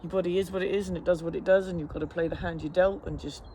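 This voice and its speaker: A man with a fairly high voice talks casually to camera while sitting in freezing water. He rambles along in a matter-of-fact, self-deprecating way, coping with the cold. There is clear background noise, as of an outdoor recording. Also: fairly even intonation, very fast, a little mellow. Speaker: fitness instructor vlogger. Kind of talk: casual chat to camera during a cold plunge. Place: outdoors in an ice bath.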